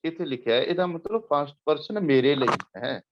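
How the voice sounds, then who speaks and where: A man with a Punjabi accent giving a patient lecture, repeating words and chanting verses slowly. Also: on the high side, expressive, lo-fi sound, background noise. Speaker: teacher. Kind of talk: lecture on Gurbani grammar with slides.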